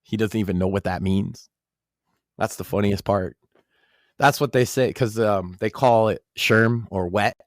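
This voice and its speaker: A man from Massachusetts with a light Northeastern accent co-hosts a casual podcast chat, cracking profane jokes. His voice is fairly low and measured, captured in a dry, clean studio recording.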